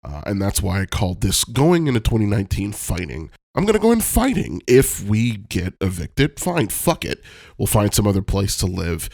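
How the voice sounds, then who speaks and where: Stuffed up from a cold, this podcast host muses candidly on his own life from home in Los Angeles, peppering the monologue with ums and offhand swearing. The lowish, darkish voice has vocal fry, big pitch swings and a moderate pace, captured cleanly in a studio-quality recording with no echo.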